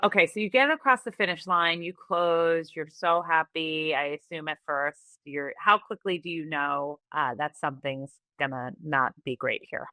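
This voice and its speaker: A woman's voice: low-pitched, bright, forceful tone, dry recording. A woman hosting a business podcast, interviewing a guest and readily affirming what she says. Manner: encouraging, quick to affirm. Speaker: podcast host. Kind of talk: conversational interview.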